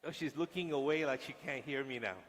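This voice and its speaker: A man's voice: on the high side, quick pace, fairly bright tone. A male guest lecturer speaking to police officers in a large lecture hall, joking with and teasing the audience. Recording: long hall reverb.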